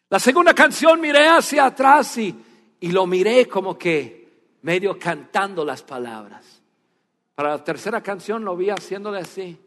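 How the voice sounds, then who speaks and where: High-voiced preacher in a reverberant hall. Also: male voice. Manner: animated storytelling, then hushed and earnest. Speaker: pastor. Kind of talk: sermon storytelling. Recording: long reverb of a church hall.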